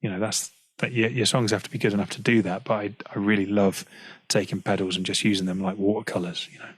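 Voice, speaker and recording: A relaxed British man speaks as an interview guest, his voice a little low and husky. He talks casually, with plenty of "you know" and easy laughs. The sound is close and dry, with no room around it. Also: fast, no echo. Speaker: guest singer-songwriter. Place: at home practicing, on a call.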